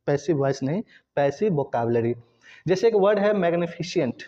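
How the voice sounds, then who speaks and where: A man's voice: on the high side, lively intonation, moderate pace, dark tone, lo-fi sound. A man teaching English grammar to students, repeating key points and often checking whether they follow. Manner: addresses students directly, repeats and checks understanding. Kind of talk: classroom lesson.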